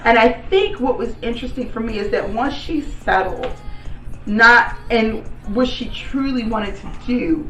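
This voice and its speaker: A woman's voice: fairly high pitch, expressive, unhurried, a bit bright. A woman giving casual, conversational commentary as a co-host, telling it like a story and acting out remarks. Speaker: co-host of a TV series review. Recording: echoey room, distant mic, music behind.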